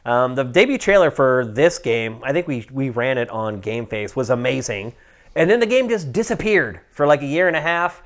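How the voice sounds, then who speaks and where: A man's voice: mid-range voice, moderate pace. A man hosting a gaming show in a casual, conversational style. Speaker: show host.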